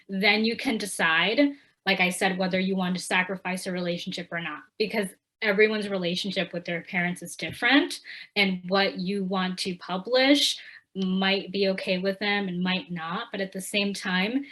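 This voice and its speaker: A woman's voice: mid-range voice, pushed and bright, poor audio. A young adult woman from Ecuador, talking reflectively as an author guest in a casual interview. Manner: reflective, frequent fillers, quoting others animatedly.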